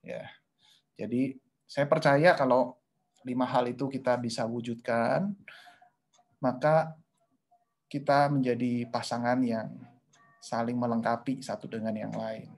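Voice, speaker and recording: A man's voice: mid-range voice, darkish tone. A male pastor speaking to married couples in an online webinar, talking in a conversational sermon style with frequent "ya" and "gitu ya" tags. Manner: conversational and repetitive, often adding "ya" and "gitu ya"; acts out quoted lines in a raised voice.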